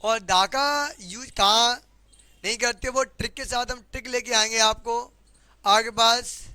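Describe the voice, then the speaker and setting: A man's voice: extremely high pitch, steady tone, measured pace, bright, forceful tone, smooth, no room sound. A man with a Hindi accent teaching English grammar in a classroom lesson, often repeating questions to his students.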